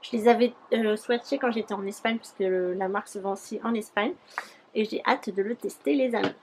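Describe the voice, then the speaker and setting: A woman's voice: mid-range voice, a little fast, noisy background. A young woman chatting casually through a beauty haul vlog, rambling with many fillers. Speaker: beauty YouTuber.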